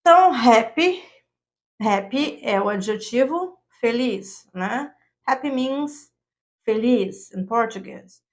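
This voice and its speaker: A woman with a fairly high voice gives an English grammar lesson at a board. She explains each rule step by step and keeps checking that her students follow. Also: animated, takes it slowly. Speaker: English teacher.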